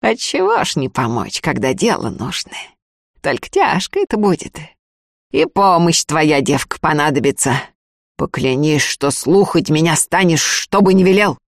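Woman doing a sly male sorcerer, stern slow commands, audiobook figure, dry recording. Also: low-pitched, big pitch swings, no echo, exaggerated voice. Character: one-eyed male village sorcerer, sly, gruff.

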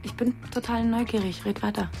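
A self-assured, confiding woman in a radio drama, with a fairly high voice. She talks in a relaxed, conspiratorial way while music plays clearly behind her. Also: fairly quick. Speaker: brother's new girlfriend. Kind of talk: radio play acting.

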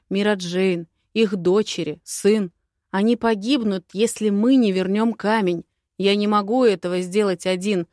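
A woman reading an audiobook voices a calm, earnest young dragon prince who speaks with steady persuasion. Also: mid-range voice, no room sound, studio quality, lightly acted.

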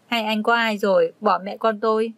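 A woman's voice: mid-range voice, steady tone, normal speed, no room sound, close to an everyday voice. Sulky pregnant young wife, accusing tone, dry close read by a woman storyteller.

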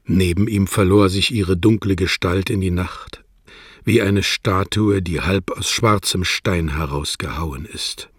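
A man narrating a literary audiobook in a measured, calm storytelling manner. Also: deep voice, husky, no echo, clean studio sound. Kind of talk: audiobook reading.

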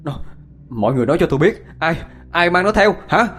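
A man voicing a panicked young male student who stammers and shouts frantically. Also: medium pitch, sing-song, brisk, slight background noise, lightly acted. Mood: frantic panic.

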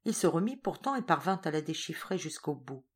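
Lowish-voiced woman reading a story. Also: husky. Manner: calm, measured storytelling. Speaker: audiobook reader. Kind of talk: scripted narration.

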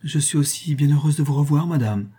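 A man doing a gentle, modest young girl. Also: fairly high pitch, brisk, breathy edge, voice pushed up. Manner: soft and polite.

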